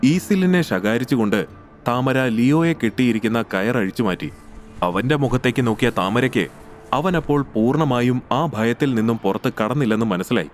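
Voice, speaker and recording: A man narrating a scripted audio story in a steady, measured way. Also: mid-range voice, a little hiss or hum.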